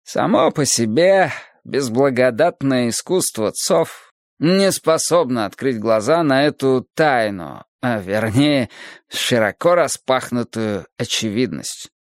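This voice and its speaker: Brief: man doing a calm, sorrowful philosopher-teacher for an audiobook, slow and measured, lively pitch, dry read. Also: no room sound. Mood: musing. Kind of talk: audiobook character reading.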